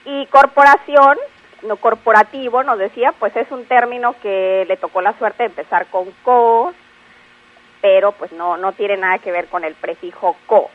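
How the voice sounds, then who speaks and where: A woman patiently explaining word usage on a radio language segment, spelling out examples slowly. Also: mid-range voice. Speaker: language expert guest. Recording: phone-like radio line.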